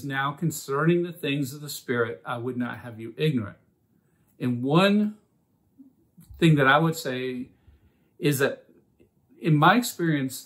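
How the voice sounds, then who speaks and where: At a medium pitch, a man leads a Bible study earnestly and deliberately, beginning with a prayer and then reading passages of scripture aloud.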